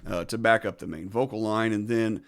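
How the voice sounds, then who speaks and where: A man casually walking through how he recorded his own song, talking in a relaxed, conversational way. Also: on the low side, moderate pace. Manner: laid-back and conversational, says "man" and "so". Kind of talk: casual studio walkthrough.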